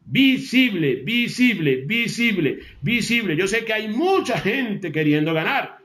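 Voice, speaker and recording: Man, motivational speaker, high voice, repeats phrases for emphasis, roomy echo. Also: big pitch swings, a little slow, fairly bright tone. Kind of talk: motivational talk to an audience.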